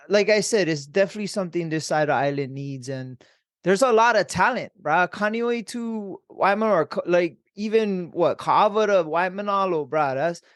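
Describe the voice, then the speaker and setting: A man's voice: high voice, no echo, clean studio sound. A man with a local Hawaiian accent hosting a casual interview, laid-back and slangy with lots of bro talk. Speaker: podcast host.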